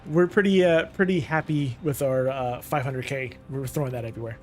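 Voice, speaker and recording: A man's voice: medium pitch, steady tone, fairly quick, a little mellow, faint music behind. A man chatting casually during a co-op game, laid-back, trailing off and laughing now and then. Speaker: co-op gaming partner. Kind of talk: casual gaming chat.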